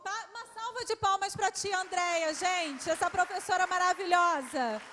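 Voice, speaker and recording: A woman's voice: very high voice, normal speed, bright, forceful tone. A Brazilian woman, a historian, running an affectionate quiz for schoolchildren in a large hall and coaxing them with endearments. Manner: affectionate, coaxing, calls children "my love". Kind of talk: lively quiz with children at a public event. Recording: reverberant hall, faint background noise.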